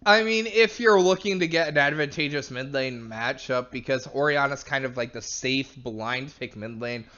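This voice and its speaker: A man calls an esports draft in a chatty, analytical way. His mid-pitched voice comes through dull, lo-fi voice chat audio. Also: moderate pace, sharp tone. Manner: chatty, analytical, laughs often. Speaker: esports caster. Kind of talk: play-by-play commentary.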